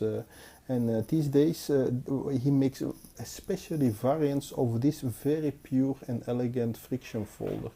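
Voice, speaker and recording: Halting and hesitant, a Belgian man speaks unscripted as he casually reviews knives hands-on, being a collector and reviewer of them. He sits at a table indoors. His mid-range voice is dark and mellow.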